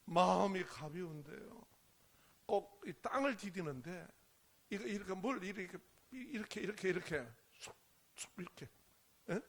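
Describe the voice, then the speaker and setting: A man preaching, his high voice gravelly and husky. He tells a personal testimony dramatically, dropping to hushed whispers and then rising into loud bursts, and his pitch swings widely all the way through. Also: lively intonation, normal speed. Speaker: pastor.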